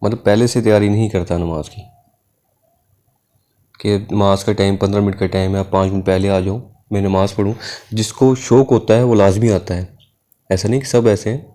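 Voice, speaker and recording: A man reads a scripture commentary in an earnest, measured way, then preaches on prayer in a casual tone. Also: fairly low pitch, steady tone, warm tone. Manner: measured, earnest reading with unhurried pauses. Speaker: religious speaker.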